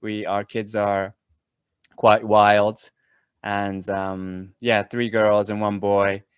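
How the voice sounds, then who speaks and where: A man giving a casual webinar talk on a video call, pausing often with fillers and restarts. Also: lowish voice, level tone, clean tone, no room sound, clean studio sound. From Japan. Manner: hesitant, many fillers and restarts. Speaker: webinar presenter.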